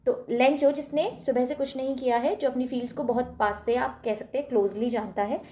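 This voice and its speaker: Woman, teacher, young adult, slightly high voice, warm mellow tone, checks for understanding often. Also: steady tone, a little fast. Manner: repeats questions and answers them, frequent "thik hai?" checks. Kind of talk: Hindi-English classroom lesson explaining a chapter.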